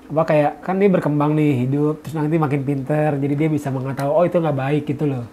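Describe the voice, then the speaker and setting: A low-voiced woman hosts a casual chat. She talks fast and asks eager questions, and her tone is dark and mellow. Faint room noise sits behind her. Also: steady tone. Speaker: host and mother.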